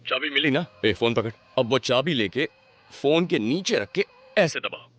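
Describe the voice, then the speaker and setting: A man voicing a cheeky, lively young hero. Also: medium pitch, lightly acted. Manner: teasing, quick-witted. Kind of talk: Hindi film dub.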